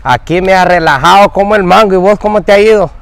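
A man's voice: sits high, fast, creaky. A man acting in a comedy sketch, talking in slangy, pleading banter outdoors near traffic.

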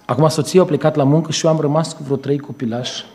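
A male preacher with a fairly high voice. He tells his sermon as a string of stories, jumping from loud raised phrases to low, quiet asides. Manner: animated, swings between loud raised lines and low asides. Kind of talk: sermon with storytelling.

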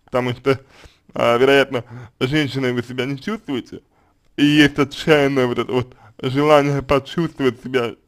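A man speaks as a consultant, answering a listener's question in an unscripted way. He explains step by step at a calm, even pace, often pausing and restarting his words. His voice sits at an ordinary pitch. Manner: hesitant, many fillers and restarts. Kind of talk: unscripted spoken advice.

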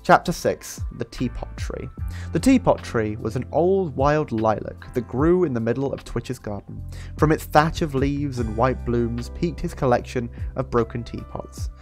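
In a small room with background music, a twentysomething streamer reads a book aloud and chats casually with viewers. His voice is mid-range and his pace measured, his style chatty and expressive, picked up by a close arm-mounted studio mic along with a headset.

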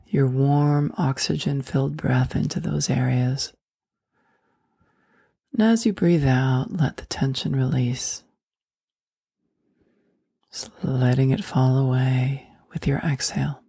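A woman leading a guided meditation in a soft, soothing voice that often drops into a whisper. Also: rumbling low, steady tone, slow, vocal fry, long pauses, husky, no room sound, studio quality.

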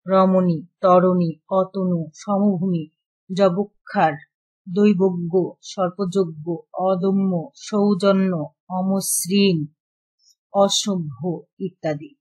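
A woman's voice: medium pitch, steady tone, extremely slow, darkish tone. A woman teacher giving an online lesson, explaining rules step by step and reading out lists of examples. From Bangladesh.

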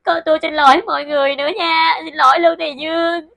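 A woman's voice: medium pitch, brisk, bright, forceful tone. A woman voicing the ghost of a wronged teenage twin girl, speaking in a tearful, pleading way. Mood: tearful remorse. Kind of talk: web series drama acting.

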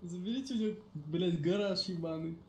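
Sweary young gamer guy, kinda high voice, echoey room w a bit of hiss. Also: fairly quick. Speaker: gamer in a team. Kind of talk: casual banter with heavy swearing. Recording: roomy echo with background noise.

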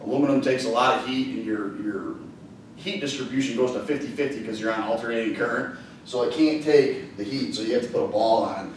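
A man's voice: medium pitch, brisk, a little hiss or hum. A man in his thirties teaching welding at a whiteboard, talking casually with plenty of ums and uhs. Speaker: welding instructor. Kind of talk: classroom lecture. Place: classroom at a whiteboard. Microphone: far camera. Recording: echoey classroom from far off.

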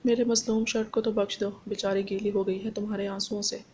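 A woman reading the lines of a serious, reserved young man who speaks softly and calmly, in an audiobook. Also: mid-range voice, a little fast, a little hiss or hum, close to an everyday voice. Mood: teasing. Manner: calm, reserved, soft-spoken. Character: young man, cool and serious, then gently teasing.

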